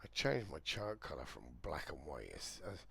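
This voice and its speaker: A man with a croaky voice, talking casually and rambling while he walks through charts on a live trading stream. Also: rumbling low, wildly swooping pitch, normal speed, a bit bright. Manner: chatty, rambling, thinking aloud. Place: indoors, air-conditioned room.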